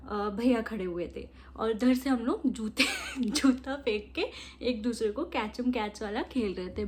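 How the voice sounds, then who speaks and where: A woman's voice: a little high, background noise. A young woman chatting casually while doing her makeup, laughing as she tells childhood stories. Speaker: makeup vlogger.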